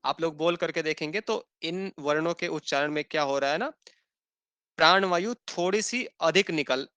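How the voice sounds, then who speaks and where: A man's voice: on the high side, pushed and bright, clean tone, no echo. A man teaching an online language class, patiently repeating definitions for students to note down and checking in often. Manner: patient, repeats points slowly for note-taking; checks in with "thik hai" and "hai na". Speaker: Sanskrit teacher.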